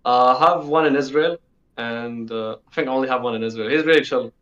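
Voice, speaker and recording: In a relaxed interview over a dull call, a teenage guy of sixteen speaks informally and says things twice to drive them home. His voice sits mid-range, a bit bright, moving a little fast.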